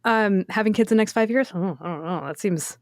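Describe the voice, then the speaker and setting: A woman co-hosting a casual podcast discussion, animated and quick to laugh, acting out quoted answers. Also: medium pitch, no room sound. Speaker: podcast co-host.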